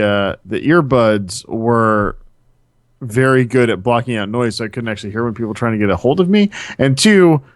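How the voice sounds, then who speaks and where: A man with a fairly low voice trades dry, sardonic remarks on a casual tech podcast. His delivery is matter-of-fact. The recording is close and dead, with no echo. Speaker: podcast co-host.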